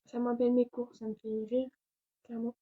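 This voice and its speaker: A woman's voice: a little high, level tone, brisk. A young woman hosting a casual online language lesson, chatty and hesitant with many fillers, recorded at home. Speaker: language tutorial host. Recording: dull lo-fi sound.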